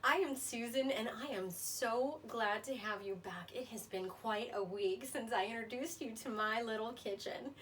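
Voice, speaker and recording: Woman, fairly high voice, folksy home cooking host, chatty, self-deprecating, casual delivery, faint kitchen noise. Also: moderate pace, few pauses, fairly bright tone. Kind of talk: casual cooking demonstration to camera. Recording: noisy home kitchen recording.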